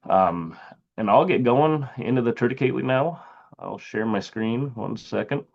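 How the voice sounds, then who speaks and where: On a video call, a man who works as a seed company sales agronomist presents slides, hesitating with many fillers. His medium-pitched voice is animated, a little slow and creaky, with lo-fi sound.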